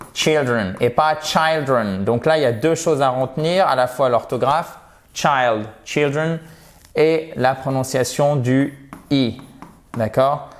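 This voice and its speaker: Male English teacher from France, very slow deliberate delivery, drills words with friendly asides. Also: medium pitch. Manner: slow, drawn-out pronunciation drills, chatty asides. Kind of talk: language lesson to camera.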